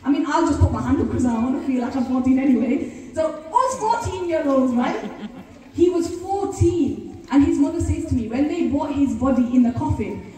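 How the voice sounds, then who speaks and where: A woman's voice: sits high, moderate pace, mellow, recorded from a distance. A woman from Bradford, an Islamic teacher giving an earnest religious talk to a gathering and keeping the audience engaged with questions. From Bradford, England. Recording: echoey hall, voice from afar.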